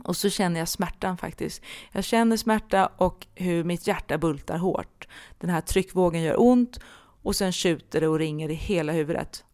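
Woman podcast host with a lower pitch and smooth, clear tone; candid, reflective, hesitant delivery. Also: darkish tone. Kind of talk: personal podcast monologue.

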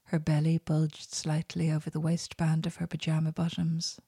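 A woman narrating an audiobook in a soft, unhurried, intimate way. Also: sits low, monotone, breathy edge, no echo, clean studio sound.

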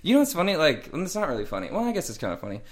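A young man co-hosting a casual podcast chat, rambling and animated with lots of fillers. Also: a little high, rapid-fire. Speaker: podcast co-host.

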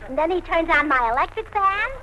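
On an old radio broadcast with hiss, a woman plays a cheerfully illogical, scatterbrained young wife in a 1940s radio comedy. Her extremely high-pitched voice is animated and a little fast, and she talks in a chirpy, earnest way.

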